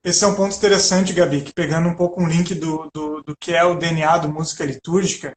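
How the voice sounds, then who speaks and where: High-voiced Brazilian man in a roomy space. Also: level tone, fast. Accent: Brazilian Portuguese. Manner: reflective, earnest. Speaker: co-host, liturgical music educator. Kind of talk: casual chat over a video call. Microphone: video call. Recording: roomy video call audio.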